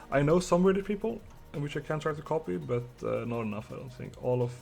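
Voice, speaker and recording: Young male streamer with a Swedish accent, a bit of fry, swears and talks to himself while coding. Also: a little high, lively intonation, fairly quick, darkish tone, soft background music. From Sweden. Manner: muttering while coding, swearing, chatting with viewers. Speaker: game developer streamer. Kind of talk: casual live-coding stream.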